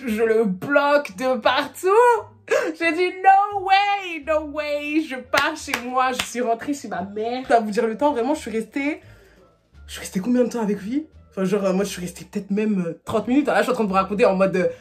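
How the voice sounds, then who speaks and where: Fast chatty twenty-something girl, slangy, kinda high voice, telling a storytime. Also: soft background music. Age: 20s. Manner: chatty, rapid, full of fillers and acted quotes. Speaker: storytime vlogger. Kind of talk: casual storytelling to camera.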